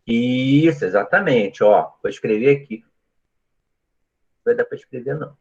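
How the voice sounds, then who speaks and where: Husky-voiced man teaching grammar. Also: medium pitch, expressive, a little slow, dull audio. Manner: explanatory, asks frequent checking questions. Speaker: Portuguese teacher. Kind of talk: live online grammar lesson.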